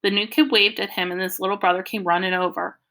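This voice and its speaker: A woman narrating a first-person audiobook in a lively, expressive storytelling manner. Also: medium pitch, fast talker.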